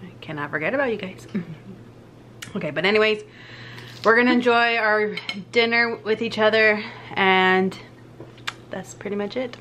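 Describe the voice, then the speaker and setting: A woman's voice: medium pitch, normal speed, pauses often, a bit bright, a little hiss or hum. A young woman vlogging casually at a family dinner, giggly and switching between English and Spanish. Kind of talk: casual mukbang vlog chat.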